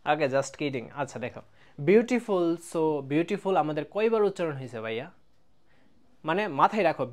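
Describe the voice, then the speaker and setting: Man teaching grammar, step by step. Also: fairly high pitch. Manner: explains step by step, checks in with "বুঝছো?"; stretches out example words slowly. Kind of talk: casual classroom-style video lesson. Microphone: close mic, writing on a board.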